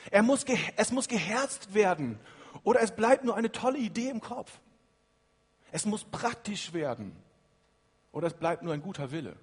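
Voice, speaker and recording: Animated, husky-voiced German preacher man. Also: sits high, moderate pace, big-room sound. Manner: animated, shifting between loud emphasis and hushed lines. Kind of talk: sermon.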